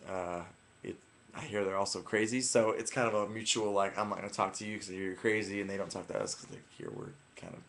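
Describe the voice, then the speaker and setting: A man's voice: medium pitch, fairly bright tone. A young man casually telling a rambling, profane story from a weekend trip, full of fillers.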